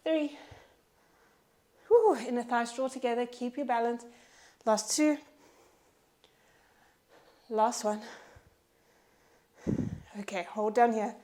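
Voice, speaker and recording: A woman's voice: on the high side, slow, pauses often, warm tone. A woman leading a Pilates strength workout, out of breath as she cues each move, counts reps and encourages. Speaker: Pilates instructor. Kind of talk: guided workout instruction.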